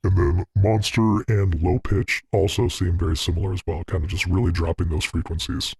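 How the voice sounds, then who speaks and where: A man speaking through a deep pitch-shifted monster voice-changer effect while he explains the settings in a relaxed, step-by-step way. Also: normal speed, creaky, slightly rough, no room sound, clean studio sound, exaggerated voice. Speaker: tech reviewer demoing an audio interface. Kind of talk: casual product demo. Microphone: studio mic with headphones on.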